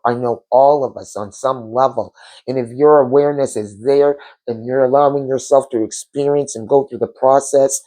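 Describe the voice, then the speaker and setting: A woman with a deep, darkish voice hosts a casual spiritual vlog from her couch at home. She speaks in a heartfelt manner and repeats words for emphasis.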